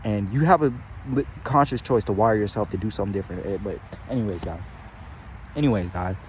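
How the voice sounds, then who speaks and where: A young man with a fairly low, brisk voice, a spiritual channeler vlogger, gives his viewers a rambling, slangy pep talk. He swears constantly and calls them bro and gang, with faint outdoor traffic noise behind.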